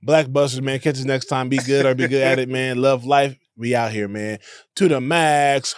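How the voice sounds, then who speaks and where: A man's voice: medium pitch, steady tone, moderate pace, smooth, no echo. Laid-back podcast co-host man, dry mic. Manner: laid-back, slangy, laughs loudly. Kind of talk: casual chat.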